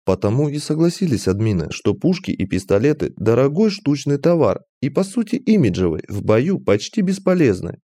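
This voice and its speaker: A man's voice: mid-range voice, big pitch swings, normal speed, hardly any pauses, mellow, no echo. A man reading an audiobook, voicing a brash young woman player who bluntly explains and bosses others around. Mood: explaining. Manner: blunt, lecturing, impatient.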